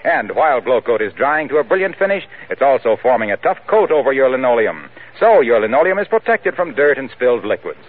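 Play a 1940s radio announcer, a man with a polished pitch, swinging melodically through the copy, heard through a tinny old radio. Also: big pitch swings, brisk, few pauses. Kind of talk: 1940s radio announcer, scripted sponsor reads. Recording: thin narrowband vintage radio broadcast.

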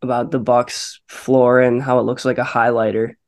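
A man's voice: mid-range voice, flat delivery, moderate pace. A man co-hosting a sports podcast, talking casually with many fillers and restarts. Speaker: podcast co-host.

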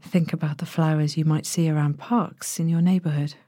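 A woman narrating a sleep story as a guided relaxation, in a gentle, hushed and breathy manner with long pauses. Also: low voice, level tone, dry recording, clean studio sound. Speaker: podcast host, sleep meditation narrator.

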